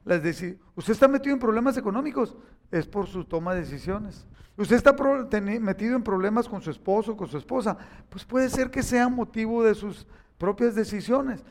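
Older man, Mexican accent, high-pitched, preacher, emphatic sermon, repeats his points. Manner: emphatic, repetitive, speaks directly to listeners.

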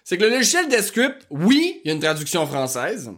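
A man with a rural Quebec French accent hosting his own podcast, talking fast and excitedly and piling on information. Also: high voice. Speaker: podcast host. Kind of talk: casual solo podcast talk.

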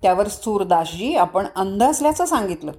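A woman telling a moral story to children, speaking lively and asking them questions that she answers herself. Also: mid-range voice. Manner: sings devotional verse slowly.

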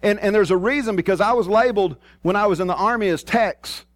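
A man's voice: sits high, fast talker, no echo. A man preaching a sermon in a plain-spoken, folksy way, with a Southern US hillbilly accent and country twang. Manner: plain-spoken, folksy, repeats key phrases for emphasis.

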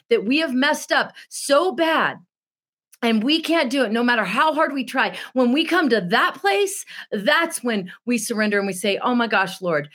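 A woman's voice: on the high side, fairly bright tone. A young woman preaching an earnest, emotional devotional message, repeating key phrases for emphasis. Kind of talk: Good Friday devotional teaching.

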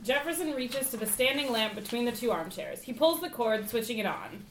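A woman's voice: fairly high pitch, expressive, a little fast, roomy sound, a little hiss or hum. A woman reading stage directions in a casual, amused script read-through, with occasional stumbles.

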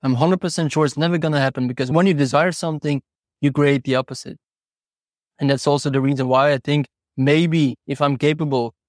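As a guest on a podcast, a horse trainer who isn't a native English speaker reflects earnestly, using personal stories and rhetorical questions to explain his ideas. His voice is medium-pitched and a little mellow, captured in studio quality without echo.

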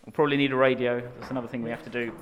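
A man talks fast and informally as he narrates his walk through hospital corridors, his voice sitting at an ordinary middle pitch. A faint hiss runs under the recording. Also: flat delivery, dull audio. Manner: chatty, informal, narrates as he walks. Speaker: presenter touring a hospital ward. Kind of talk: walk-and-talk documentary narration.

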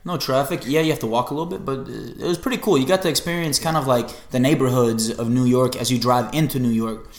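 A man co-hosting a podcast, chatting casually in a laid-back, slangy way and telling stories with lively energy. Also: medium pitch, quick pace, few pauses. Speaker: podcast co-host. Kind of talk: casual chat. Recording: roomy echo.

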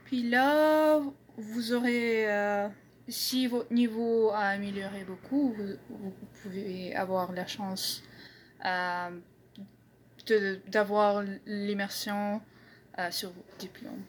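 A young woman student answering interview questions, halting and searching for words with many fillers. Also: medium pitch, fairly even intonation, slight background noise. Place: university campus.

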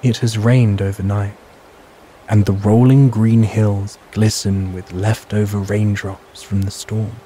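A man narrating a bedtime sleep story in a calm, measured, soothing and hushed guiding way. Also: lowish voice, a little hiss or hum, rough recording.

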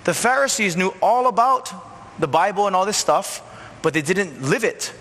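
Bright-voiced pastor man in reverberant church. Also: high voice, lively intonation. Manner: conversational, acts out quick dialogues. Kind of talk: sermon. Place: church sanctuary. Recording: long church reverb, faint noise.

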